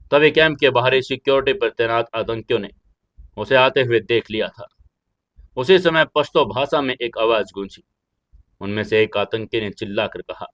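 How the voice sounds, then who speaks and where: A man's voice: medium pitch, a bit bright. A man narrating an audio drama in a dramatic, suspenseful storytelling manner.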